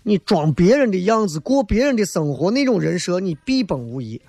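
Higher-pitched man riffing in casual chat. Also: very animated, fairly quick, heavy background noise. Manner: colloquial, emphatic, frequent rhetorical tag questions. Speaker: talk show host. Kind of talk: casual comedic opinion monologue.

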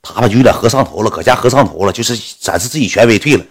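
A man's voice: on the low side, rapid-fire, slightly rough. A man telling a casual anecdote, acting out the dialogue as he goes. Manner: animated, acts out the quoted dialogue. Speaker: storyteller.

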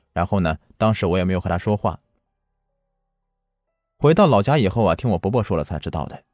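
A man's voice: fairly low pitch, a little mellow, no room sound, clean studio sound. A man narrating a first-person ghost story in an earnest manner, recounting a village memory from his childhood.

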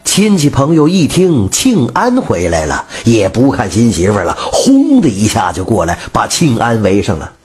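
A man telling a traditional folk tale, animated and rhythmic. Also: on the low side, moderate pace, few pauses, slightly rough. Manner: animated, acts out characters, rhythmic verse ending. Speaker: storyteller. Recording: faint background music.

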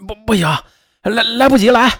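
A man's voice: very high voice, brisk, fairly bright tone, no echo, clean studio sound, voice pushed up. A man doing a stammering drunk schemer. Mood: pleading. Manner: stammering, feigned pleading. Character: drunk scheming man faking an urgent need.

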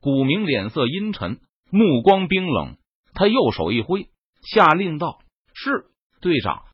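A man's voice: on the high side, very animated, measured pace, husky, dry recording. A man doing dramatic web novel audiobook narration, in a dull, dry recording.

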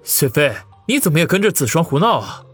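A man voicing a calm young man who speaks earnestly and persuasively, with a husky voice. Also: a little high, a little fast, faint music behind. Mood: teasing.

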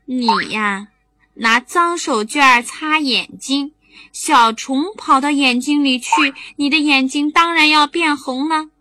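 Woman doing a squeaky little bunny. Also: slow pace, pushed and bright, no echo, exaggerated voice. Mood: insistent.

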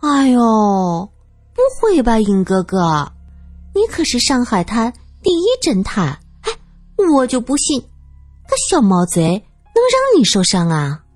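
A woman's voice: big pitch swings, slow pace, a little mellow, breathy edge, no echo, faint music behind, full character voice. A woman voicing a spoiled, mocking young woman. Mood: wheedling, teasing. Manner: wheedling, mocking and shrill.

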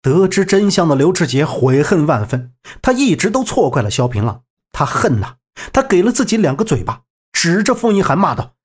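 A man narrating a martial arts novel as an audiobook, in an animated, dramatic reading. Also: on the high side, normal speed, breathy edge.

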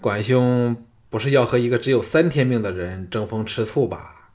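A male audiobook narrator voicing a cunning, confident male strategist who speaks in a quiet, conspiratorial way. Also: medium pitch, moderate pace, lightly acted. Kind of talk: audiobook character reading.

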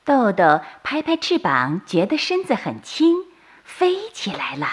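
A woman storyteller narrating a bedtime story for children in a slow, soothing manner. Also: mid-range voice, wildly swooping pitch, breathy edge. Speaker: storyteller host.

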